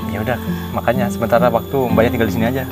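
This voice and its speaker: An actor playing a humble, polite young farmhand who talks gently and comfortingly. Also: male voice, mid-range voice, level tone, very fast, natural voice. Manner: soft-spoken, polite. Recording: music behind the voice.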